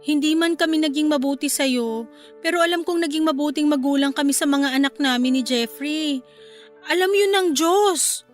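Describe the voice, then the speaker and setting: A woman's voice: high-pitched, normal speed, soft background music, close to an everyday voice. A woman playing a desperate mother who works as an assistant, speaking meekly and apologetically in a radio drama. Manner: meek and apologetic, then crying and shouting.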